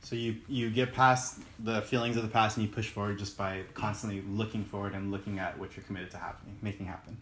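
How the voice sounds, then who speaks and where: Male podcast host, low voice, reflective and measured, echoey room sound. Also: fairly even intonation, a bit bright, a little hiss or hum. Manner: reflective, thoughtful, measured questions. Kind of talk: interview questioning. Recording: roomy echo.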